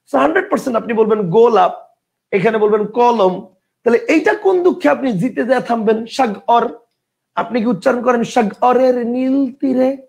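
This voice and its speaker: High-pitched gravelly teacher. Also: male voice. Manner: asks the class questions in a lively way. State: tired from a long day of teaching. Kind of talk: classroom lecture.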